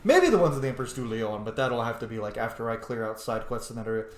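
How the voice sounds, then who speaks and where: A gameplay streamer talks over a video game in casual, rambling, profane commentary. His voice is medium-pitched with lively intonation and a quick pace, and the recording has a roomy echo and some background noise.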